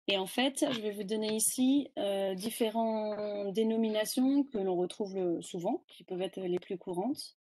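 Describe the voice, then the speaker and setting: A woman's voice: medium pitch, moderate pace, hardly any pauses, darkish tone. Woman explaining slides in a webinar. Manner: explanatory, hesitant with fillers. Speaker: presenter. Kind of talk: webinar presentation.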